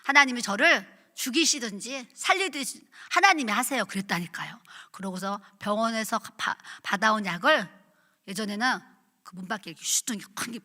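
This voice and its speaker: A middle-aged woman pastor preaching at a revival, telling her own story in an animated, chatty way and acting out quotes. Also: mid-range voice. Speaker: pastor, guest revival speaker. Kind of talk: sermon with personal testimony. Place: church sanctuary at a revival meeting. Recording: echoey church hall.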